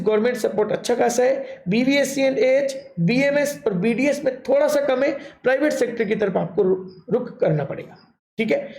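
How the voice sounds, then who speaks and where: A man's voice: high-pitched, a little mellow. A man hosting a guidance channel, explaining in an informal way and often checking in with the listener. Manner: keeps checking in with "theek hai". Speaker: admissions guidance channel host. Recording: echoey room.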